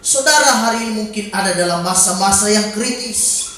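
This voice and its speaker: A man preaching a sermon in a church, breaking into sudden shouted calls and exclamations. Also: sits high, moderate pace. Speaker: pastor. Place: church during a Wednesday evening service. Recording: very echoey church hall.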